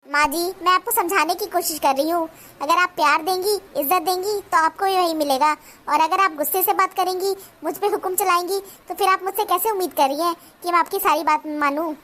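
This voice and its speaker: Cartoon daughter-in-law, very high bright voice, argues back, voiced by a woman. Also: brisk. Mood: reasoning. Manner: retorting, argumentative. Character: young daughter-in-law, sharp-tongued, defiant. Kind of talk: cartoon voice acting.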